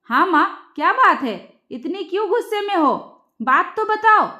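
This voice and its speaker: A puzzled young husband, as a woman narrator voices him, firing off quick, concerned questions. His voice stays high and rings in an echoey room. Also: very animated, pushed and bright, exaggerated voice. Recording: roomy echo.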